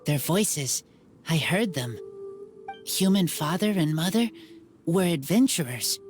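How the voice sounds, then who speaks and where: Wolf-raised youth, halting broken speech, very slow, lively pitch, game music behind. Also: male voice. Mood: earnest. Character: wild young man raised by wolves, simple and earnest. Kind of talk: video game character dialogue.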